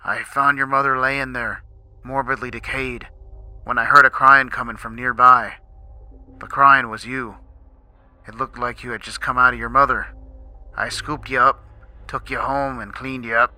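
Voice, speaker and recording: A man voicing Mr. Krabs, a gruff older male crab who talks like an old sailor and stammers in sorrow. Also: mid-range voice, steady tone, moderate pace, pauses often, sharp tone, no echo, low-quality recording. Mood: sorrowful. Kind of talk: fan creepypasta reading.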